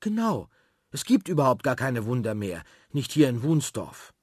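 A man voicing an eager, bossy little girl who speaks in an excited, insistent way. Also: medium pitch, moderate pace, dry recording, studio quality, pitched above the performer's own voice. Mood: sulky.

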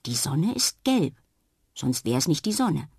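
A woman's voice: sits low, very animated, slow, slightly rough, no room sound, clean studio sound, heavily acted. A woman voicing a curious, stubborn little girl at bedtime in a storybook reading, asking and insisting. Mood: musing. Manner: questioning, insistent.

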